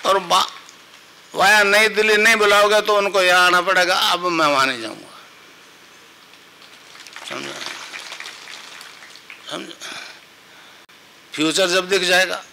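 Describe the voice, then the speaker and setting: A man's voice: sits high, fairly even intonation, a little slow, gravelly, long pauses, pushed and bright, poor audio. An older man, a spiritual guru giving an instructive discourse to a gathering, repeating mantras and checking whether listeners understand.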